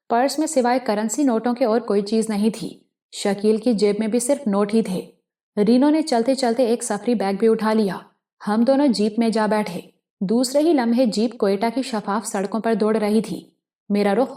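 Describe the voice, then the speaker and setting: A woman narrating a suspense novel as an audiobook, in steady, measured storytelling. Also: a little high. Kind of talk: novel reading.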